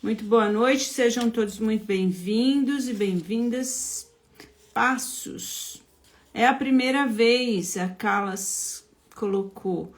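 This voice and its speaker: A woman's voice: a little high, slow. A Brazilian woman with a São Paulo accent, a therapist hosting a casual live stream, greeting viewers by name in a chatty way. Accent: São Paulo Portuguese.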